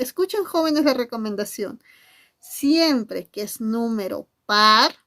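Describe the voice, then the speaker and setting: A woman teacher gives an animated lesson to camera, asking questions and answering in the voices of her students. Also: fairly high pitch. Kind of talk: classroom-style lesson to camera.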